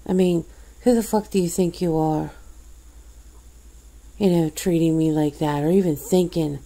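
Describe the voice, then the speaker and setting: Casting: actress as a bitter woman dumping a bad friend in ASMR role-play, scornful, mellow and gravelly. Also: sits low, fairly even intonation, unhurried, poor audio. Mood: scornful, exasperated. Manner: scornful, berating, swearing. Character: fed-up woman coldly cutting off a bad friend. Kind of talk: ASMR role-play, one-sided confrontation.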